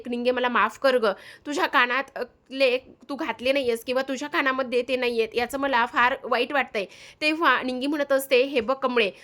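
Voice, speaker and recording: A woman with a high, bright voice narrates an episode recap as a story. She retells each scene and reads the characters' lines in her own voice, using a lot of filler phrases as she goes. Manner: plain retelling, many fillers like "आता इकडे". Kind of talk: storytelling recap with quoted dialogue.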